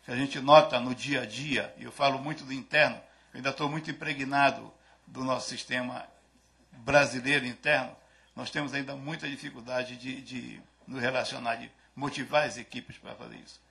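A man's voice: medium pitch, steady tone, moderate pace, gravelly, pushed and bright. An older man from Brazil giving a conference talk from a lectern into a stand microphone, hesitant with frequent restarts and fillers. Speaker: speaker at a conference. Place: lecture hall, at a lectern. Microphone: podium microphone on a stand.

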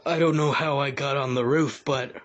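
Man doing a husky, moody cartoon hedgehog. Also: mid-range voice, steady tone, normal speed, natural voice. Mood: puzzled, moody. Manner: whiny, grumbling, exasperated. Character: moody, exasperated young male hedgehog with edgy attitude. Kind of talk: improvised comedic fan dub.

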